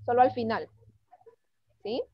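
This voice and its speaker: A woman's voice: fairly high pitch, unhurried, slightly rough, dry recording, highs cut off. A woman teaching an online English class, patiently coaxing her pupils and mixing Spanish with English phrases.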